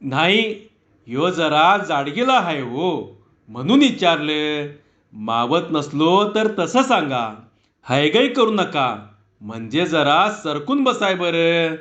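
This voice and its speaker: A man's voice: a little high, sing-song, takes it slowly, fairly bright tone, full character voice. A man voicing a simple, stout village man who asks naive, wondering questions in a rustic Marathi village dialect. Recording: dull lo-fi recording.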